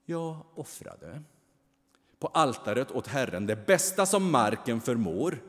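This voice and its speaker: A man reading a storybook and voicing the boy Cain, shrill and indignant, close to shouting, with a long hall reverb. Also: big pitch swings, close to an everyday voice. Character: angry defiant young male Cain, a boy.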